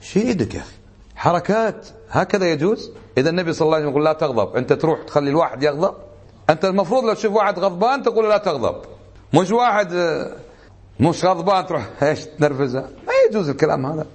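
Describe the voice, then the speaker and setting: A man with a Kuwaiti Arabic accent, a sheikh teaching a religious lesson in a lively storytelling way, acting out the people he quotes. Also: on the high side, racing, breathy edge.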